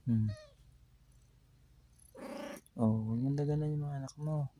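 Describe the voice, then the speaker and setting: A man chatting casually to his pet cat, teasing and coaxing her in a soft, low-key way. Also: unhurried, a little hiss or hum.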